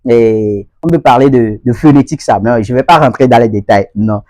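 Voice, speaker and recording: A man's voice: mid-range voice, moderate pace, a little mellow, no room sound. A man hosting a casual video lesson, talking straight to his viewers, repeating points and often checking they follow. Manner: repetitive, addresses viewers directly with frequent checks for understanding. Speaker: host of an English-learning channel.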